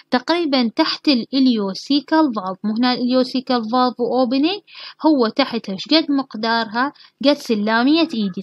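Brisk Iraqi woman lecturing anatomy. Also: on the high side, no echo. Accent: Iraqi Arabic. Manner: asks and answers her own questions, repeats key terms. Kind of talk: university lecture. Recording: dry, dull lo-fi lecture recording.

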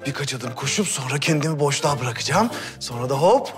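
A man's voice: medium pitch, expressive, quick pace, music in the background, close to an everyday voice. An actor playing an eager, impatient Ottoman inventor in a period drama. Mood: busy, impatient. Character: impatient, dreamy bearded Ottoman inventor obsessed with flying.

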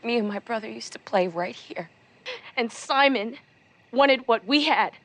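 A bitter young woman whose family was slaughtered, high and clear in pitch. She speaks with cold, unforgiving resolve, grief sitting just under every word. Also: unhurried, a bit bright, no room sound. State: crying. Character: grieving young woman avenging her slain family.

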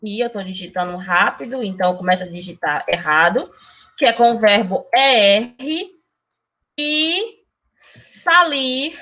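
A woman teaching Spanish in an online class, calling herself "a tia" in a teacherly, chatty way, speeding up when she gets excited and recorded on a computer mic. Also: fairly high pitch.

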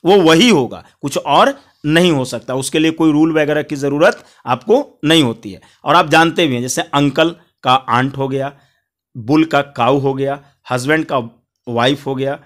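A man teaching English grammar in Hindi. He repeats each point, spells words out letter by letter, and calls his viewers friends. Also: mid-range voice.

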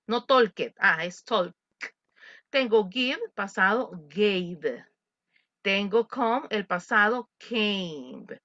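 Slow, bright-voiced woman teacher. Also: mid-range voice, expressive, no room sound. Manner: slow, deliberate, models English phrases with careful intonation. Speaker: English teacher. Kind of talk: online class. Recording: dull lo-fi dry recording.

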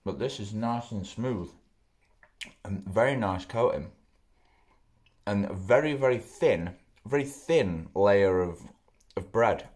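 In his living room, a young man with a fairly low, slightly mellow voice rambles casually through a food review. Sitting close to the camera, he chats away and often speaks while chewing with his mouth full.

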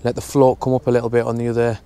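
A young man explaining his fishing setup in a relaxed, step-by-step way while outdoors at a lake. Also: mid-range voice, rapid-fire, clear, resonant tone. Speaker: fishing vlogger. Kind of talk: casual how-to narration. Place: outdoors at a lakeside bank.

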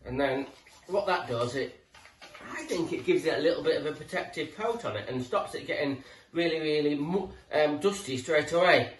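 A fairly high-pitched, animated man speaks at a moderate pace. He's British, in his forties, and plays a tradesman casually rambling about tools to camera in a chatty, matey, slightly sweary way. Sound comes from a camera a few feet away in an echoey indoor living room, with a distant feel and background noise.

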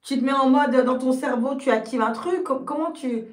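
A woman hosting a live interview, asking probing questions in quick strings. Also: sits high, reverberant, a crowd in the background. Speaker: host.

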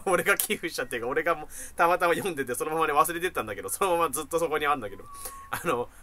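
A man telling a casual story on a live stream, rough and joking, often breaking into laughter. His voice swings widely in pitch and has a bright, forceful edge, sitting a little high for a man. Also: expressive, racing, a little hiss or hum.

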